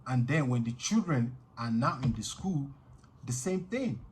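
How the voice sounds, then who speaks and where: A man's voice: mid-range voice, expressive, a little slow, slight background noise. A middle-aged Nigerian man with a Nigerian accent, telling a personal story to camera in an earnest way, with frequent "you know" fillers. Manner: earnest, frequent "you know" fillers, grows intense when reliving danger. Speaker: vlogger.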